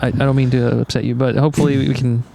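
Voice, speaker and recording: A young man with a gravelly, fry-edged voice co-hosts a podcast, drifting through his thoughts in a laid-back, rambling way and swearing freely. He is recorded outdoors in the woods at night, and his voice sits at an ordinary middle pitch. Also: level tone, fast, mellow, slight background noise. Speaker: podcast co-host. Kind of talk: casual chat.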